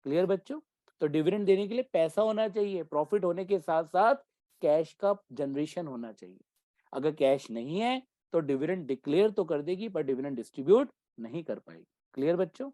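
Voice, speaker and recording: A man's voice: high-pitched, warm tone, dry recording. A man teaching an exam-prep commerce class, mixing Hindi with English terms and often checking that the students follow.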